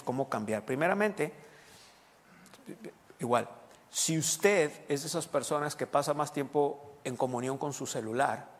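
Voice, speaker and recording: Preacher in a reverberant hall. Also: male voice, medium pitch. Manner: questions the congregation and explains scripture. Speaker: pastor. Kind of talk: sermon. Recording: long reverb of a large hall.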